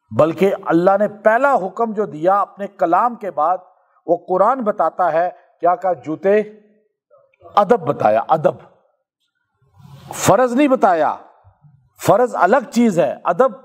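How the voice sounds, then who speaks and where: A male preacher from Pakistan gives a sermon. He tells a story, asks his listeners questions and slows down to recite scripture. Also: sits high, slightly rough.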